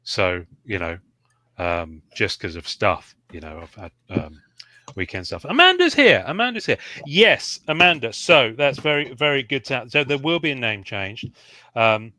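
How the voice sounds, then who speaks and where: A British man hosts a loose panel chat over a call, his voice bright and forward. He teases his guests with wry asides and pads his talk with fillers. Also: fairly low pitch, expressive, a little slow, dry recording. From United Kingdom. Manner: wry, teasing, with frequent fillers. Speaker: podcast host.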